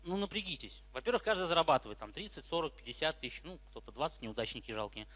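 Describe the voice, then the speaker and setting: A man's voice: on the high side, animated, fast, fairly bright tone. A man in his twenties with a lisp and slushy s sounds gives an informal, blunt, slangy talk to an audience. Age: 20s. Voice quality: lisp with slushy sibilants from braces. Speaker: speaker at a startup investment talk. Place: hall with live audience. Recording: echoey hall with long reverb.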